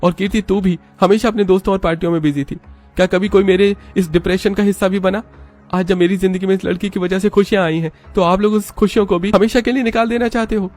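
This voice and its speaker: A man's voice: on the high side, a little fast, darkish tone, faint music behind, voice pushed up, close to an everyday voice. A man voicing an emotional young husband from a rich family, talking passionately. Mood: angry. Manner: emotional, impassioned.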